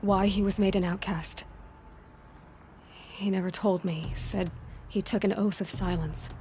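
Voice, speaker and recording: A woman's voice: medium pitch, fairly even intonation, a little slow, darkish tone, a little hiss or hum, close to an everyday voice. Aloy, earnest young warrior played by a woman. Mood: subdued. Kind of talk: dramatic video game acting. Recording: music behind the voice.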